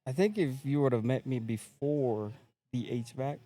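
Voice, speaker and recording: A young man from American Samoa appears as a podcast guest, telling his story in a relaxed, laid-back casual chat. He speaks at a medium pitch and a moderate pace.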